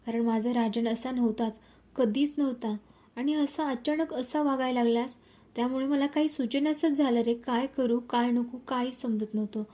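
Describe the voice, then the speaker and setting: A soft-hearted elderly grandmother speaks lovingly to her grown son, as a woman narrator puts her on. The voice stays level and mellow, with a slightly high pitch. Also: fairly even intonation, moderate pace, close to an everyday voice. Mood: tender. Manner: affectionate, pleading.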